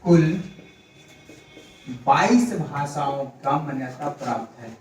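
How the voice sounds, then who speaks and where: A man teaching a class, quizzing his students, repeating key words and calling for quiet. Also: on the high side, expressive, takes it slowly, soft background music. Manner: calls for quiet. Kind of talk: classroom lecture. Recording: echoey classroom, distant mic, faint noise.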